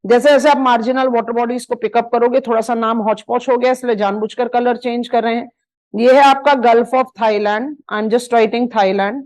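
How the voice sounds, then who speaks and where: Drawing on a map during a live online geography class, an Indian-accented woman explains in a blend of Hindi and English and lingers slowly over key place names. Her fairly high voice is a little mellow, with fairly even intonation, and the audio quality is poor.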